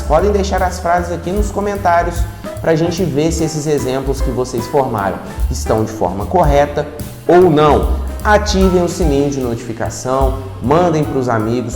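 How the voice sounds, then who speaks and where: A chatty man with a Brazilian Portuguese accent and a somewhat high voice teaches English in a laid-back way. His voice rings around an echoey room with a long reverb tail, and faint music plays underneath. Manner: relaxed and chatty, checks in with listeners. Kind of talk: online English lesson.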